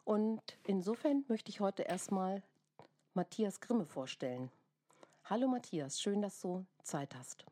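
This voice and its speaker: A woman's voice: medium pitch, animated, unhurried, mellow. A woman with a congested, snotty voice from a lingering cold, chatting casually as a podcast host.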